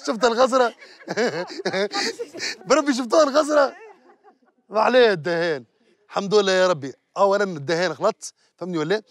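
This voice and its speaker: A man's voice: high voice, expressive, normal speed, long pauses. A man with a Tunisian accent, hosting a TV show outdoors and bantering playfully with a street crowd. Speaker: TV show host.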